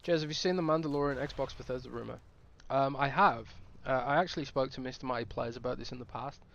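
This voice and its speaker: A man's voice: medium pitch, quick pace, gravelly, fairly bright tone, muffled recording. A man streaming a game, chatting casually and thinking aloud with restarts. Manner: rambling, thinking aloud with fillers.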